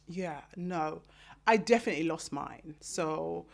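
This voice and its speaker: Animated Kenyan-born woman telling her story. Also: low voice, measured pace, creaky. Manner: animated, emphatic storytelling with acted-out quotes. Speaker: author and guest. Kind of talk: conversational interview storytelling.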